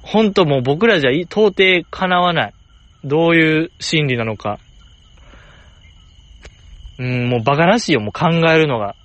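A man with a Kansai accent chatting alone in a rambling, jokey way, jumping up in pitch to stress a point. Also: expressive, normal speed, long pauses, fairly bright tone, dry recording, highs cut off. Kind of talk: casual solo chat.

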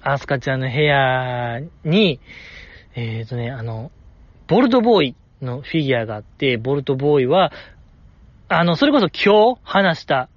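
A man hosting a podcast, chatting casually on his own in a rambling, animated way. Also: medium pitch, normal speed, no room sound, muffled recording. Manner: rambling, animated, with frequent laughs. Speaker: podcast host. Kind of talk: casual solo chat.

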